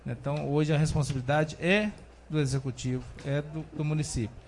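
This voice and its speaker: A man's voice: on the high side, steady tone, brisk, a little mellow, slight background noise. Plainspoken councilman in a council chamber. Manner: formal greetings, plainspoken. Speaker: city councilman. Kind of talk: council floor speech.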